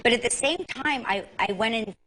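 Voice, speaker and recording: A woman's voice: fairly high pitch, moderate pace, pushed and bright. A woman in her forties co-hosting a morning talk show, chatty and teasing with callers and her co-host.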